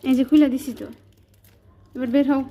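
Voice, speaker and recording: A woman's voice: high voice, little pitch movement, fairly quick, warm tone. A woman, talking to her cats at home in coaxing, sing-song baby talk as she films them. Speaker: cat owner filming her pets. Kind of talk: casual talk to pets while filming.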